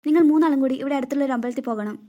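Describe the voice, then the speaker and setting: A woman voicing Nagarani, a high, rapid snake queen. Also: dark tone, lo-fi sound, close to an everyday voice. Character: snake queen in human form, kindly but secretive. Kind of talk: cartoon voice acting.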